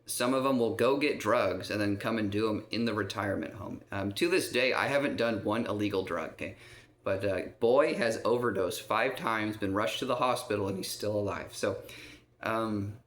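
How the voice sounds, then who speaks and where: A male vlogger in a care home resident's room rambles through a long personal story, often pausing to ask "okay?" and filling gaps with plenty of "um"s. His voice is lowish and a bit bright at a moderate pace, and the room gives an echoey sound.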